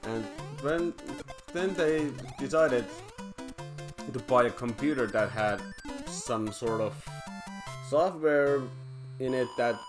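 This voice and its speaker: A Finnish man with a mid-range voice hosts a let's play from home, gaming on a TV. He comments casually, slowly and hesitantly, with many restarts and filler words, while game music plays underneath.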